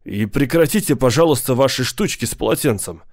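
A man's voice: mid-range voice, animated, fairly quick, a little mellow, no room sound, studio quality, lightly acted. A man playing a pedantic, indignant schoolteacher. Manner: fussy, pedantic, choosing words carefully. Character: educated middle-aged male schoolteacher, beaten, indignant.

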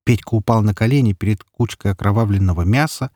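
A man reading a dark story as an audiobook narrator in a steady, even telling. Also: on the low side, fast talker, no echo, clean studio sound.

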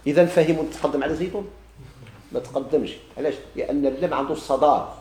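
A male teacher with a Moroccan Arabic accent races through a grammar lesson in a slightly high, somewhat mellow voice, keeping his explanations quick and plain. He questions his students, repeats their answers back, and drawls each quoted example slowly.

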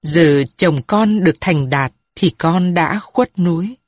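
A woman voicing a grieving old grandmother who speaks softly and pleadingly to her dead daughter, in a storybook reading. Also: fairly low pitch, slow pace, no echo, studio quality. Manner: soft, mournful, pleading address.

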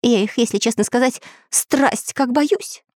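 A woman's voice: medium pitch, sing-song, moderate pace, darkish tone, dry recording, clean studio sound. A woman voicing a cowardly male parrot who stammers when scared, in a children's storybook reading. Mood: frightened. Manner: stammering, jittery.

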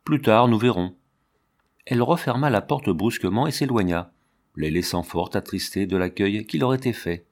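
A man narrating a storybook aloud in a measured, even reading voice. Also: lowish voice. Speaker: audiobook reader.

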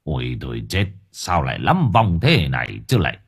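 A man voicing a stern village exorcist who speaks low and gives grave instructions. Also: huge pitch swings, moderate pace, vocal fry, slightly rough, heavily acted.

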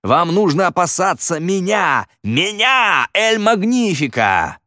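A man's voice: fairly low pitch, animated, normal speed, a bit bright, dry recording, studio quality. A man voicing a vain, boastful male stage magician who gloats and sneers theatrically. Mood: gloating.

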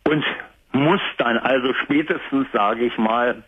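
A mature man speaks as a caller to a talk show. His voice is husky and his delivery halting, often repeating himself. He comes through a narrow, muffled phone line. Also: mid-range voice. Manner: halting, repetitive. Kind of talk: earnest phone conversation.

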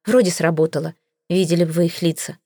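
A woman voicing a theatrical fake female fortune teller, chanting doom in slow, wailing prophecy. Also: on the low side, fairly even intonation, warm tone, no room sound, studio quality. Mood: wry.

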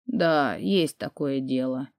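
A woman reading an audiobook voices an ill young man who speaks quietly and wearily. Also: very deep voice, moderate pace, dry recording, clean studio sound, pitched below the performer's own voice. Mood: weary, soft. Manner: quiet, weary, soft-spoken.

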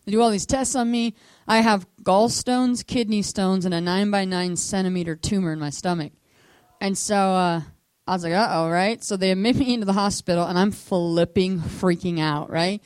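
A woman at a medium pitch tells her personal testimony to a missions school. She talks casually and fills it with "like", acting out quotes in hushed whispers and sudden high squeaks. Her voice sounds dry, with no room echo. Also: moderate pace, clear, resonant tone. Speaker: speaker at a missions training school.

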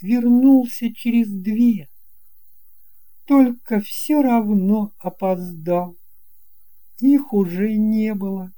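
In a children's audio story, a performer voices an earnest young boy recalling lost friends, upset and regretful, speaking in an emphatic, childlike, insistent way. The mid-range voice is pushed up, dark in tone and steady, with drawn-out words and frequent pauses.

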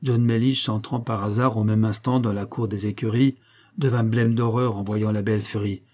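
Husky, dark-voiced male narrator. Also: lowish voice, fairly even intonation. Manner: measured storytelling delivery. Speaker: audiobook narrator. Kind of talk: scripted literary narration.

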